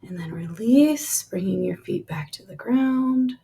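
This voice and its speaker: In a slightly high, expressive voice full of vocal fry and a husky, breathy quality, a woman takes listeners through a relaxation meditation at a very leisurely pace. Each gentle instruction lingers and then softens as it drifts off.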